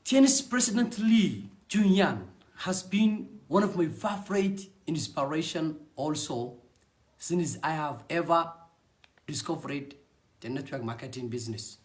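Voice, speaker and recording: A young native Somali speaker, with a Somali accent, earnestly describes his network marketing business in short, halting phrases. His voice is a little high and expressive.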